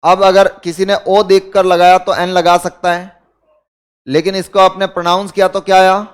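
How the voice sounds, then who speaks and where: A man's voice: high-pitched, monotone, normal speed, smooth. An Indian man teaching a class, explaining rules and firing rhetorical questions at his students. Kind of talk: classroom lecture.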